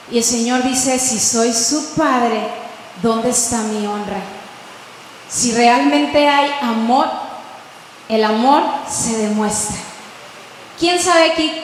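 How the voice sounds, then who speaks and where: A woman pastor preaches with a high voice, reading scripture slowly and with weight and putting questions to the congregation. Her voice rings out with a long reverb, as in a large hall. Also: a little hiss or hum. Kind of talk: sermon.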